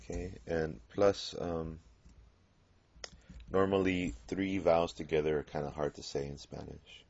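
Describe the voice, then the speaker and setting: A man teaching a Spanish grammar lesson, explaining patiently and pausing on fillers as he works through examples. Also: a bass voice, level tone, gravelly, darkish tone, no room sound. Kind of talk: classroom grammar lecture. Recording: dull lo-fi classroom recording.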